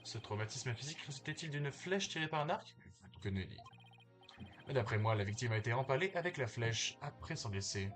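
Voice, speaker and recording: A confident young rock-star prosecutor, as a man reads his lines in a mid-range voice. He sounds suave and teasing, with quiet music faintly behind. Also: medium pitch, animated, brisk, close to an everyday voice. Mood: smug. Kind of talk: reading game dialogue aloud.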